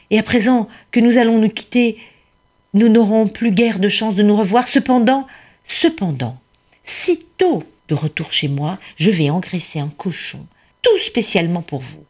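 A woman's voice: mid-range voice, big pitch swings, unhurried, a little mellow, pitched above the performer's own voice. A woman voicing a poor, grateful male woodcutter who speaks earnestly and deferentially in a storybook tale. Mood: humble. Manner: earnest and deferential, addressing a tigress as royalty.

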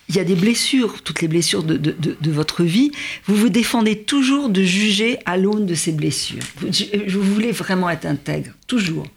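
A woman's voice: mid-range voice, slight background noise. A woman hosting a literary interview, asking admiring questions and finishing her guest's sentences for him. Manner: admiring, prompting, fills in the guest's words. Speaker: host of a literary show.

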